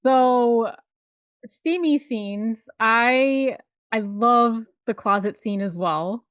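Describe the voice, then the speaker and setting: A woman's voice: fairly high pitch, extremely slow, fairly bright tone, smooth, no echo, studio quality. A woman co-hosting a casual book review podcast, talking hesitantly with fillers. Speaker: podcast co-host.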